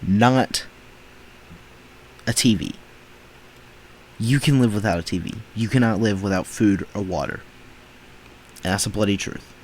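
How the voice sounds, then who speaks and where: A man's voice: lowish voice, unhurried, long pauses, a little hiss or hum, low-quality recording. A man hosting a reaction video, talking back at clips in indignant, emphatic rants. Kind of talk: reaction commentary.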